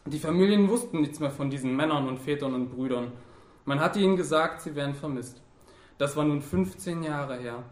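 Male narrator, grave and measured, fairly high voice, echoey room. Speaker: audiobook narrator. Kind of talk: scripted narration.

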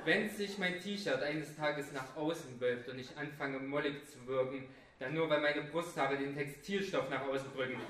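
A man giving a comic spoken-word performance, a mock-macho rant that builds to shouts. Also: a little high, normal speed, roomy sound, recorded from a distance, background noise. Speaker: stage performer.

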